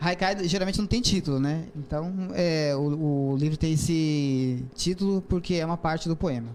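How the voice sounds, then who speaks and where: Man, Brazilian Portuguese accent, slightly high voice, patient explainer, fillers and restarts, faint background noise. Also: normal speed, darkish tone. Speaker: poet and author guest. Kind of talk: interview, explaining and reciting poetry.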